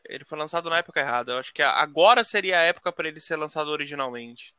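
A man's voice: fairly high pitch, lively intonation, racing, pushed and bright, clear, resonant tone, dry recording. A man with a Brazilian Portuguese accent joining a casual podcast chat with short, agreeing remarks.

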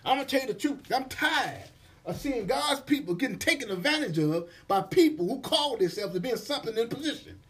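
A man preaching an impassioned sermon in a rising and falling cadence. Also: high-pitched. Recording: voice from far off the mic.

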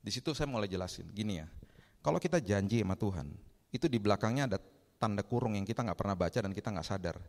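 A male pastor preaching a sermon in a lively storytelling way, acting out people's pleas in a raised voice. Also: lowish voice. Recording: long hall reverb.

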